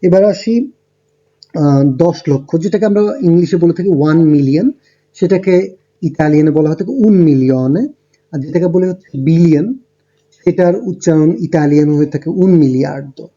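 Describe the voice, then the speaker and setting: A man teaches a beginner language lesson over slides, walking through each point step by step with little ums and pauses. His voice is very dark and mellow, pitched a touch high for a man. The recording sounds dull and lo-fi. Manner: explains step by step with fillers.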